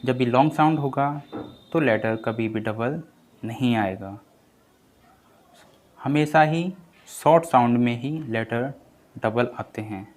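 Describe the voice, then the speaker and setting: A young man explains pronunciation in an unhurried, deliberate way. His pitch sits in a plain middle range, and he goes over each point again and again so learners can follow. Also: darkish tone. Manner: patient, repeats each rule several times. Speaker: English pronunciation teacher. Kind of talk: slow explanatory lesson.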